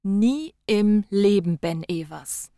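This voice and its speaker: Man doing a high, teasing young woman, wry, frank, storybook voice. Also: lively intonation, slow pace, mellow, dry recording, clean studio sound, full character voice. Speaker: audiobook narrator voicing a character. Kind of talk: audiobook character voice.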